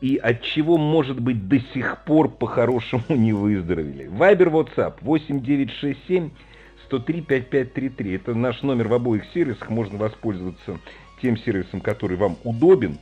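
A man's voice: medium pitch, lively intonation, normal speed, warm tone, slightly rough, dull audio, soft background music. A man in his fifties hosting a call-in radio show, chatty and jokey as he reminisces with callers. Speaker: radio host.

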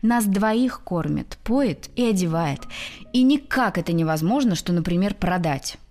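A woman's voice: on the low side, lively intonation, unhurried, warm tone. A woman voicing an old male street organ grinder who speaks in a cold, dignified, plain folk manner.

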